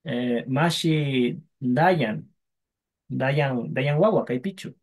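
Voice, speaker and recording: A man's voice: medium pitch, extremely slow. A man teaching a language class online, patiently drilling sounds for students to repeat.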